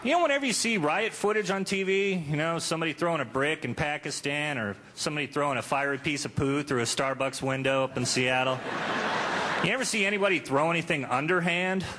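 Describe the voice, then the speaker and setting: A man in his thirties performs a crude, self-deprecating stand-up routine in a conversational style, his voice a little high, fast, bright and forceful. It's a live club recording of a comedy show, with a noisy audience and crowd ambience behind him.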